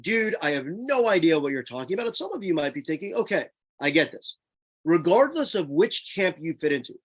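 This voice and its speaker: Animated husky-voiced male tutor. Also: fairly high pitch. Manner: emphatic, repeats points, addresses students directly. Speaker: test prep tutor. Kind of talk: screen-share lesson.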